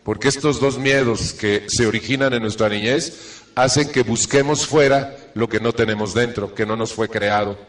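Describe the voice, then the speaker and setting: A man's voice: medium pitch, moderate pace, a bit bright, long reverb tail. A middle-aged man, giving an earnest self-help talk to a live audience and checking in with rhetorical questions.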